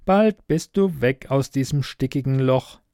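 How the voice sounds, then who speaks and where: A man's voice: medium pitch, a little slow, creaky, dry recording, clean studio sound. A man voicing a blunt, sarcastic young woman in an audiobook. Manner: sharp, sarcastic remarks. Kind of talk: audiobook character voice.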